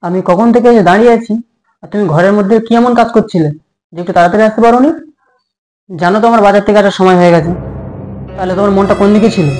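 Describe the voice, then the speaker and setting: A man playing a short-tempered young husband in a comic home drama, snapping and quick to take offence. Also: sits high, a little mellow, natural voice. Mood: indignant.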